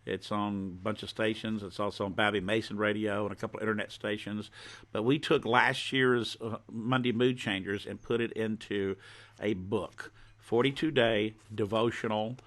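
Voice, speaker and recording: A man talking like a folksy home shopping host on a live stream, informally showing and pitching his own products. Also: fairly even intonation, moderate pace, a bit bright. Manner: folksy, informal show-and-tell.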